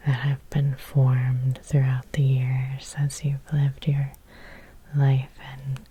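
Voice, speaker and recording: A woman with an extremely low-pitched voice whispers a guided ASMR hypnosis, breathy, gentle and soothing. She stays close to the microphone and leaves long pauses.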